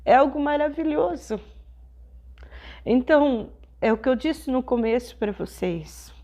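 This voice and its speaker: A middle-aged woman pastor, telling a personal testimony in a sermon with slow, emotional storytelling. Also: high-pitched, mellow.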